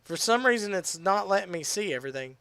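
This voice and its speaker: A man chatting casually on a game live stream, rambling with restarts and fillers, his voice tiring and going hoarse. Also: high-pitched, animated, fast, sharp tone, no room sound. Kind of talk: casual live-stream chat while gaming.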